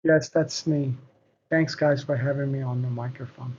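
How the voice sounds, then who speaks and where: A man with a husky, mellow voice comes through a dull, lo-fi group voice chat. He gives a market rundown for a trading room in a flat, even tone, stopping and restarting as he goes. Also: medium pitch. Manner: halting, with frequent restarts and cut-off words. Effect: voice heard through a group voice chat.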